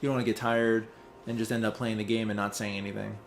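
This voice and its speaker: A man's voice: on the low side, level tone, fast, slight background noise. A young man hosting a let's play, chatting casually while he plays, rambling and distracted, with many fillers. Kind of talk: casual chat while playing a game.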